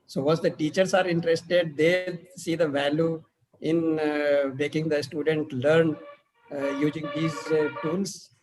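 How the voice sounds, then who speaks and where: A man giving informal, rambling remarks as a conference participant, halting and correcting himself. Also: a little high, flat delivery.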